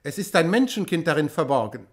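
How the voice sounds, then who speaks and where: A man's voice: a little high, fairly quick. A man reading an audiobook, voicing a devout abbot in his fifties who questions the fishermen and grows urgent. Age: 50s. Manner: questioning, then urgent and excited.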